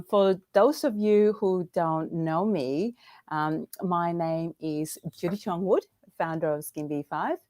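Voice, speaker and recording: A woman's voice: low voice, a little mellow, no room sound, studio quality. A middle-aged woman hosting a live online Q&A, talking with many fillers and restarts. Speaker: brand founder and host.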